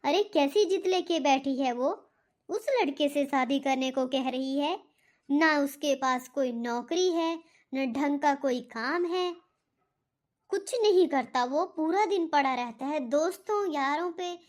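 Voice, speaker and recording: A woman's voice: high voice, slow pace. A woman voicing a strict, stubborn middle-aged father in a cartoon. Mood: stern. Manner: stern, stubborn, lecturing. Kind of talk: cartoon voice acting.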